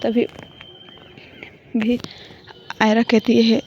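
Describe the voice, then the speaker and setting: A woman's voice: on the high side, monotone, extremely slow, a little mellow. A woman telling a story casually, rambling and often correcting herself, on a dull lo-fi recording with faint noise.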